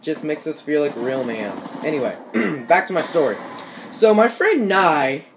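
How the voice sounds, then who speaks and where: Over gameplay, a young man from Ohio, USA, a teen or young adult, spins casual, swear-heavy, slang-filled stories for his gaming YouTube channel. His fairly high voice is animated, unhurried, and a bit bright, recorded noisily at home with shooter game audio behind.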